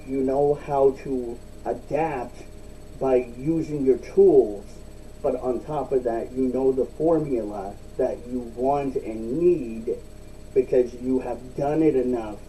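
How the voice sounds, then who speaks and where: Male vlogger, unhurried and repetitive, speaking with a lip full of chewing tobacco, recorded off-mic with faint rumbling noise. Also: warm tone, far from the mic, low-quality recording. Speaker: video blogger. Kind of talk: casual solo vlog talk, rambling explanation.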